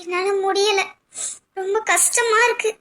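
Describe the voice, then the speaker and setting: A woman voicing a sad young college student in a cartoon, speaking in a weepy, halting way. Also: very high-pitched, steady tone, a bit bright. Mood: tearful.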